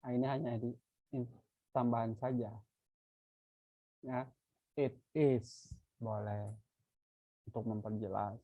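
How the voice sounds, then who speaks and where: Slow, dull-sounding male grammar teacher. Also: medium pitch, flat delivery, dry recording. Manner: slow and deliberate, checks in with frequent "ya" and "oke"; poses questions to the viewer, then answers them. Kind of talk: explanatory grammar lecture.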